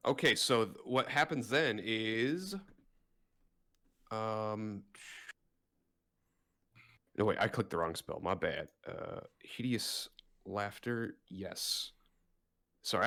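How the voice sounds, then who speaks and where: A man's voice: fairly low pitch, fairly bright tone. A young man playing a tabletop game, casual and playful. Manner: playful, loose. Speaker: player.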